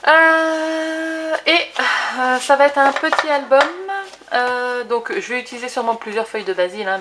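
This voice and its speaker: A woman's voice: on the high side, background noise. A woman hosting a casual scrapbooking tutorial, chatty with many fillers as she shows her papers. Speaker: crafting video host.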